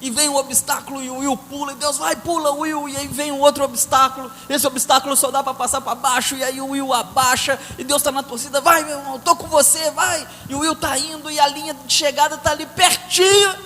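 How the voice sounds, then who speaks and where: A man with a very high voice preaches in a church hall, swinging between loud bursts and quiet asides as he tells a story. His voice rings with long reverb. Faint hiss sits under the recording. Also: normal speed. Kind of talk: sermon with a story.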